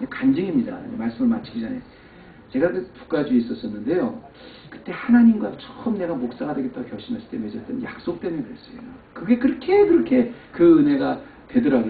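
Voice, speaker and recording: A man preaching a sermon as pastor, telling a personal testimony and rising to loud emphatic peaks. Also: medium pitch, gravelly, slight background noise. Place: church sanctuary. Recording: echoey, distant, phone-like lo-fi.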